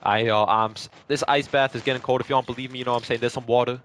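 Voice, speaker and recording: A young American man giving excited, casual gameplay commentary into a headset, full of slangy trash talk and swearing. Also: mid-range voice, racing, a little hiss or hum. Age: young adult. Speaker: gaming video host and player. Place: small indoor bathroom, sitting in an ice bath. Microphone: gaming headset.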